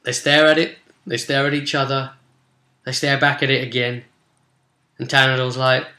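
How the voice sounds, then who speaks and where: With a flat delivery at a moderate pace, this game master and vidcast host recaps a tabletop session informally, as though telling a story, and acts out small bits of dialogue. His medium-pitched voice is bright and forceful, and the recording sounds roomy and echoing.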